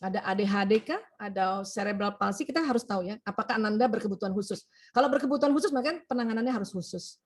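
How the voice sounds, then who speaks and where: A middle-aged woman doctor giving a lively talk on emotions and family, animated and chatty, often tagging phrases with "ya" and acting out bits of dialogue. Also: medium pitch, quick pace. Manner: animated, acts out quoted dialogue, laughs often; frequent "ya" tag at phrase ends.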